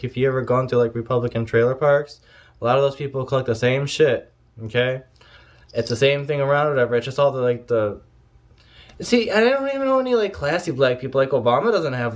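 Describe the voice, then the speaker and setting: A stoned man rambling through a casual vlog rant, scattered and often losing his thread and trailing off. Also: medium pitch.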